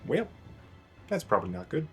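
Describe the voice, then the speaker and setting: A man with a medium-pitched, very varied voice hosts a let's play. He comments casually, with game music faintly behind him. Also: sing-song, normal speed.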